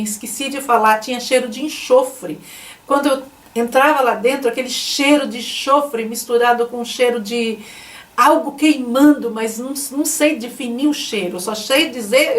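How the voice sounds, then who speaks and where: A woman's voice: a little high, echoey room, far from the mic. A woman giving an emotional religious testimony to camera, telling her story with lots of repetition. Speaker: testimony speaker.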